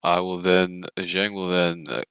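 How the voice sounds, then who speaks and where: A man's voice: sits low, monotone, fairly bright tone, clean tone, no room sound. A man casually describing his character's actions as a player in an online tabletop game. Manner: halting, describes hand signals.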